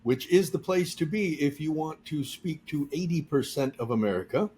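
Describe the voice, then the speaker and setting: A man's voice: fairly high pitch, animated, normal speed, darkish tone, slight background noise. A man hosting a podcast, talking in a casual, joking and explanatory way. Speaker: podcast host.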